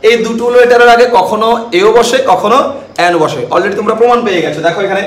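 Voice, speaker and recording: A man's voice: high voice, quick pace. A young male teacher with a Bangladeshi accent giving an online grammar lesson, explaining step by step and often asking his students questions. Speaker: school English teacher. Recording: echoey room with faint hiss.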